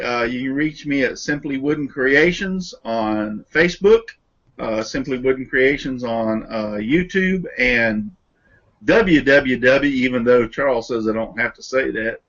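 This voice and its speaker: A man's voice: mid-range voice, measured pace, a bit bright. A man co-hosting a live video call show, easygoing as he calls out guests in casual chat. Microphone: video call mic. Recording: muffled video call audio.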